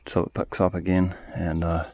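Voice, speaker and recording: A man casually explaining his work at an outdoor sawmill yard, recorded on a head-mounted camera, relaxed and thinking aloud. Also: sits low, moderate pace, no room sound, muffled recording. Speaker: sawmill operator. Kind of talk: casual first-person narration. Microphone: head-mounted action camera.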